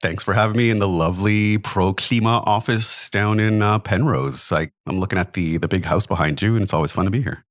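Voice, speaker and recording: A young man chats casually as a podcast guest. His voice sits low, and the room sound is dry and close. He rambles a little, leaning on "like" and "kind of". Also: brisk, hardly any pauses, dry recording. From Canada. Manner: relaxed and rambling, lots of "like" and "kind of". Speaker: podcast guest, building engineer. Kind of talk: casual interview chat.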